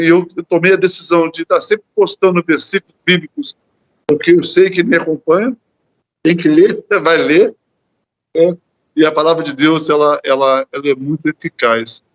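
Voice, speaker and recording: A Brazilian man leads a church Bible study in a fairly high voice. He talks earnestly, stumbling over and repeating words as he goes. The audio is dull and lo-fi, like a church livestream. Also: moderate pace. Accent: Brazilian Portuguese. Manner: earnest, repeats words while searching, often adds "né?". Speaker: lay preacher.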